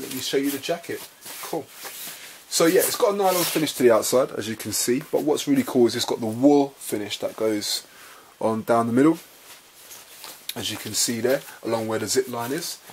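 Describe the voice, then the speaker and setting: London bloke doing a casual jacket review at home, mid-pitched, chatty, keeps saying guys. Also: male voice, slight background noise. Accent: London English. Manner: relaxed, chatty, repeats himself, addresses viewers as guys. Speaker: fashion vlogger reviewing a jacket. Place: indoors, at home beside a bed.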